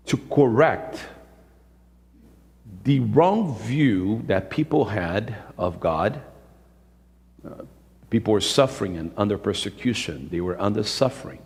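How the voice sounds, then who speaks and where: A pastor in his fifties, a native Portuguese speaker with a Brazilian accent, preaches emphatically in a church sanctuary, repeating phrases for effect. His voice is medium-pitched and gravelly. It's a live-streamed service recorded in a reverberant hall.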